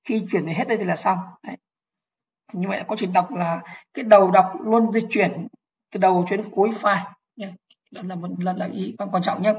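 A woman gives an online programming lesson to fellow teachers. She explains each step slowly, repeats key words and checks whether her listeners follow. Her voice sits at a middle pitch, and the recording sounds a little dull and lo-fi.

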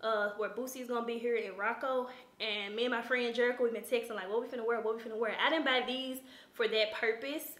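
A young woman, from Memphis, chatting excitedly to camera while getting ready at home. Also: fairly high pitch, fast, roomy sound. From Memphis, USA. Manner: chatty, excitable, lots of "like" and "y'all". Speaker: lifestyle vlogger. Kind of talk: casual chat to camera. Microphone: camera or phone camera.

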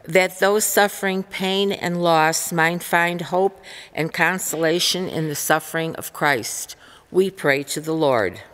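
Female lector, low voice, very slow reading, long church reverb. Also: a bit bright, a little hiss or hum. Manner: slow, careful recitation. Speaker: reader of the intercessions. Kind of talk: liturgical prayer reading. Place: large church.

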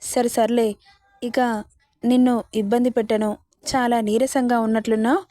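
A woman's voice: fairly high pitch, flat delivery, moderate pace, warm tone, no echo, studio quality, soft background music, natural voice. A woman voicing a worried, loving middle-aged mother-in-law who fusses and questions in a told story. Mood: fussing. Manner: fussing, questioning. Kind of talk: storybook narration.

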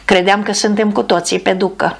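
A woman's voice: mid-range voice, fairly even intonation, gravelly, husky. A woman reading the lines of an earnest male airman. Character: man, a young airman praising his captain.

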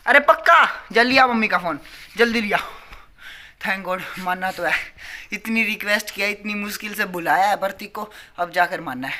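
Bright, coaxing young man vlogging. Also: high voice, normal speed. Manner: pleading, coaxing, repeats apologies. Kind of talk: casual vlog chat.

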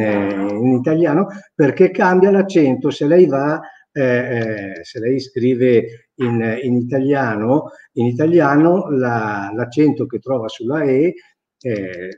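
Man, patient lecturer, mellow low tone, roomy muffled recording. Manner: patient, explains with repeated examples and tag questions. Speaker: dialect teacher. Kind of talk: informal lecture with audience questions.

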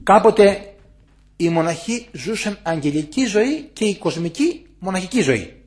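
An older man, an elder monk, giving an impassioned spiritual talk to visitors in a monastery guest room, moving from loud warnings to hushed asides. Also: high voice, animated.

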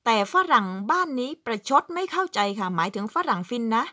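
A vlogger from southern Thailand living abroad gives casual, emphatic advice to camera, chatty and acting out what people say. Her slightly high voice swings widely in pitch and sounds brisk, pushed and bright. The recording is dry and studio-clean.

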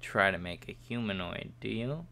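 A man's voice: expressive, normal speed, gravelly, pushed and bright. A young man streaming live, rambling and joking at himself as he talks to his viewers while he models in 3D. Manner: yawning, low-key late evening.

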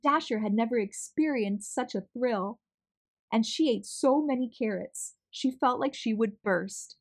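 A woman reads a children's storybook aloud as a host, her slightly high voice expressive, measured, and clearly enunciated.

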